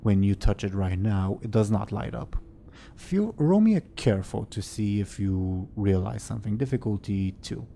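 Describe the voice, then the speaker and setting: A man narrating as game master of a tabletop game, in a relaxed, hesitant way with fillers. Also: fairly low pitch, normal speed, gravelly, a little hiss or hum.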